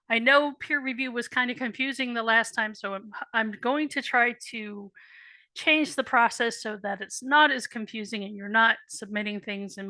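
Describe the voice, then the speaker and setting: A woman instructor with a bright, tense tone walks students through an assignment, a bit worn as she loses her voice. She is patient, repeats the key points and drops in candid asides. The sound is close and dry. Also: a little high, dry recording. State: losing her voice. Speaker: college writing instructor. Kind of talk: recorded assignment walkthrough.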